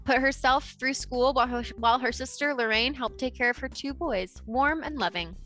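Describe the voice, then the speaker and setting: A woman game master narrates a tabletop game in casual, playful talk. Her voice is high and notably bright, and faint music plays behind her. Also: normal speed.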